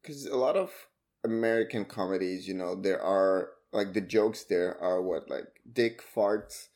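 A man co-hosting a casual movie-review podcast, halting and restarting his sentences. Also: deep voice, darkish tone. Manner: halting, restarts phrases often. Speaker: podcast co-host.

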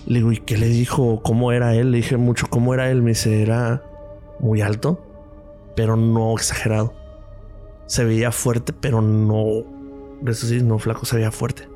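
A man with a Mexican Spanish accent tells a story as a guest on a podcast, and he voices each person in it as he goes. His voice is mellow and warm at a middle pitch. Faint music plays behind him. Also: moderate pace. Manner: lively storyteller, acts out quoted dialogue. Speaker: radiologist guest.

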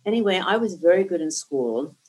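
A woman in her sixties from New Jersey, whose first language was Lithuanian, recounts her life story in an oral history interview, articulate and reflective. Her voice is on the low side, expressive and brisk, with a darkish tone. The recording is rough.

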